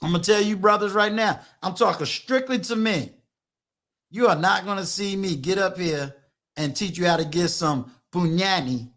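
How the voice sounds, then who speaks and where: Speaking at normal speed in a high-sitting, somewhat bright voice, a channel host in his fifties delivers a motivational live-stream talk. He lectures his viewers emphatically, repeating himself in a preachy way.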